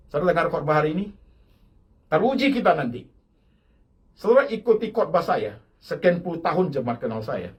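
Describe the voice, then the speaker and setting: An older man preaching a sermon as pastor, with emphatic repeated phrases and bits of English mixed in. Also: mid-range voice. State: ill with kidney disease.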